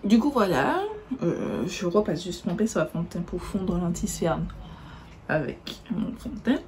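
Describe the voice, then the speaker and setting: A woman talks through her makeup routine in a loose, chatty way, often stopping to correct a word. Her voice is mellow and relaxed. A faint hiss sits under the recording. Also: fairly low pitch, unhurried. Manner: chatty, self-correcting, describes as she applies. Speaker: beauty vlogger. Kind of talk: casual makeup tutorial chat.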